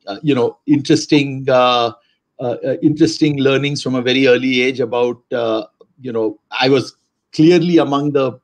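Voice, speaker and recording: An older man from India, telling his life story as a guest on a video call, full of fillers and restarts. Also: mid-range voice. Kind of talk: casual conversation on a video call. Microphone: video call webcam.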